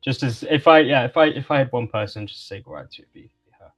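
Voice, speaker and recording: A man's voice: mid-range voice, fast, fairly bright tone. A young man from England talks casually on a video call. He hesitates often, restarting sentences. Faint music plays behind him. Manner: hesitant, many fillers and restarts. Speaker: guest. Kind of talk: casual interview conversation.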